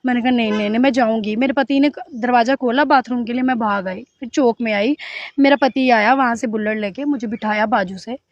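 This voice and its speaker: A high-pitched middle-aged woman tells her story in an earnest, pleading voice. She keeps slipping into the words of the people around her. The sound is dry and a little dull, like a lo-fi interview recording. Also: a little fast, no room sound. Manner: earnest and pleading, often acts out others' words. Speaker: interviewee telling her account. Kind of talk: emotional personal testimony.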